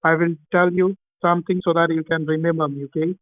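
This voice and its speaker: A man's voice: a little high, little pitch movement, quick pace. A man on a phone call, insistently repeating computer instructions, his voice muffled as if heard through a wall. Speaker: refund scam caller. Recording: tinny muffled phone line.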